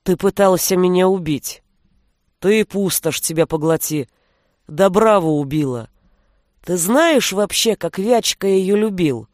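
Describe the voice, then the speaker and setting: A man's voice: high voice, a little mellow, no room sound. A reader voicing a drunk young male warrior who slurs and drawls his reproaches, in a dry studio recording. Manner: slurred, drawling.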